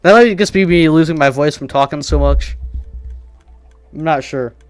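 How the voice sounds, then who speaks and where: A man's voice: fairly high pitch, moderate pace, dry recording, soft background music. A man streaming a survival game, casually thinking aloud and joking at his own expense while he plays. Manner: rambling, self-deprecating, thinking aloud.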